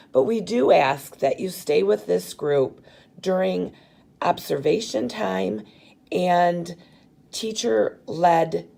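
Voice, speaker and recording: Slow, gravelly-voiced woman teacher. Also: on the low side, mellow. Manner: slow, careful and instructive, with frequent pauses. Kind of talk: recorded briefing for parent volunteers.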